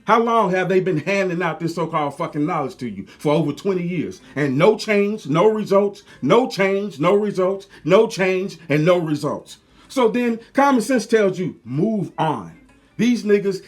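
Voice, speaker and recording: A man ranting heatedly to his viewers, profane, preachy and repetitive. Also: high-pitched. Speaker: video commentator. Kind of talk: angry rant to camera.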